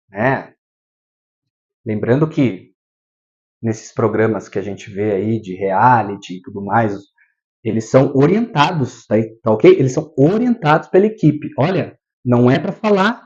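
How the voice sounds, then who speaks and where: A man with a Brazilian Portuguese accent giving a spiritual lecture in an animated way, acting out scenes with sound effects. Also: medium pitch. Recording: dull lo-fi recording.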